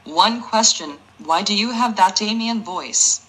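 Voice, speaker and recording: A woman's voice: medium pitch, measured pace, fairly bright tone, close to an everyday voice, poor audio. A synthetic woman voicing a mocking, defiant computer user. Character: defiant female computer user taunting the error.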